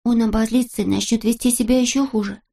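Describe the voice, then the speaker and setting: A woman's voice: fairly high pitch, fairly even intonation, fast, creaky, mellow, voice pushed up. A woman voicing a sensible little girl who argues firmly and reasonably. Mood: reasoning. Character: sensible little girl taking a friend's side.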